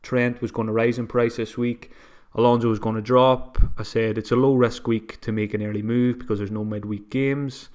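On his solo fantasy football podcast, a man talks casually while sounding a bit sniffly from a cold, restarting often and adding self-deprecating asides. His mid-range, darkish voice has little pitch movement and a moderate pace with hardly any pauses.

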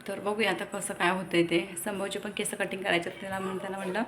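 A young mother from Maharashtra talks to her viewers on a phone camera at home, breaking off to scold her kids. Her voice is bright and clear, with a faint hum of room noise behind it. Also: mid-range voice, level tone, quick pace. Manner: chatty, scolding her kids between asides. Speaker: vlogger and mother of two. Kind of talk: casual family vlog chat to viewers. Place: home with a gallery.

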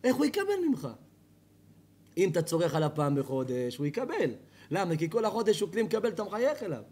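A man with a fairly high voice delivers a rabbi's sermon to an audience in a hall. He talks in an animated storytelling way, asks the listeners questions and slips in jokes. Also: husky. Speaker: rabbi giving a Torah lecture. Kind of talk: lively sermon to a live audience.

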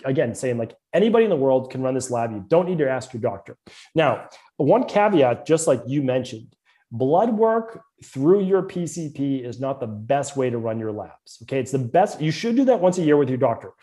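This podcast guest is a naturopathic doctor, a middle-aged Bostonian whose mellow, dark voice sits at a typical pitch for a man. In interview mode he explains medical concepts thoroughly and earnestly, speaking fluently yet frequently restarting a phrase to say it precisely.

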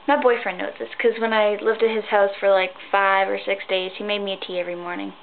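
A sixteen-year-old girl vlogging at night in her bedroom, rambling and tired, with sudden squeals of excitement. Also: mid-range voice, quick pace, creaky. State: tired, sleepy. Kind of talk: rambling casual vlog. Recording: tinny phone-like sound, faint hiss.

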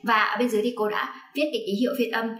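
Bright, coaxing woman teacher. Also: fairly high pitch, steady tone, racing, roomy sound, slight background noise. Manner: coaxing, repeats "right?" to check along. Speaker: English pronunciation teacher. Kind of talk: online phonics lesson for parents and children.

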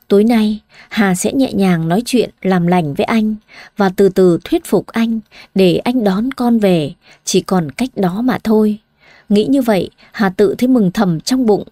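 A woman narrating a bedtime story in a calm, even scripted reading. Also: medium pitch, measured pace, no echo, clean studio sound.

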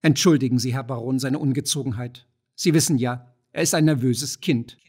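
A man reading the lines of a flustered middle-aged mother who scolds and pleads with her son in a husky voice. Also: a little high, expressive. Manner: pleading, hurried, maternal.

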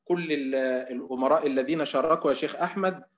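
A man teaching Quran recitation in an online lecture. He explains as he goes, gives drawn-out demonstration readings and fills his pauses with a filler word. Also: fairly high pitch, lo-fi sound. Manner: often fills pauses with Egyptian "إيه".

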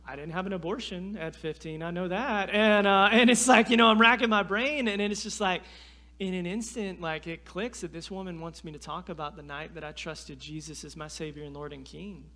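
A man from North Carolina, preaching as a guest speaker and telling a personal story in a lively, self-deprecating way. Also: sits high, brisk. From North Carolina, USA. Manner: animated, self-deprecating, frequent restarts and fillers. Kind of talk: sermon storytelling. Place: church sanctuary.

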